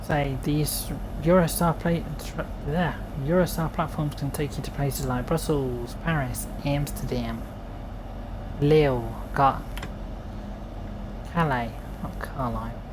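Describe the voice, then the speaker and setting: A woman with a notably low voice talks her way through a train simulator stream, relaxed and chatty and quick to laugh at her own mistakes. She speaks in loose bits between quiet stretches, as if talking to herself. The steady rumble of the game's train is clearly heard behind her. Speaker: game streamer. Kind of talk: casual commentary while playing a train simulator. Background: train engine and rail noise from the game.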